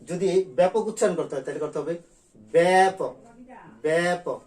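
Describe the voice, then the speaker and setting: A male school teacher from Bangladesh giving an online grammar class, repeating key sounds slowly and drilling them. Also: fairly high pitch, warm tone.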